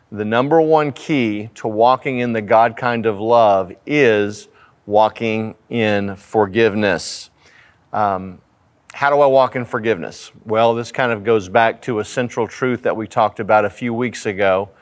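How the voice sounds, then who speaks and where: A man speaking as a pastor, giving a conversational, earnest Bible study sermon with repeated phrasing for emphasis. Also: on the low side. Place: church sanctuary.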